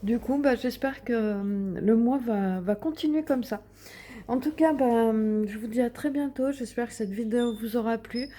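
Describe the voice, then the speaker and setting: Mellow-voiced woman chatting casually. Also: fairly high pitch, normal speed, slight background noise. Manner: chatty, hesitant, many fillers and restarts. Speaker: coloring vlogger. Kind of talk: casual show-and-tell vlog. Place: at home in front of a window.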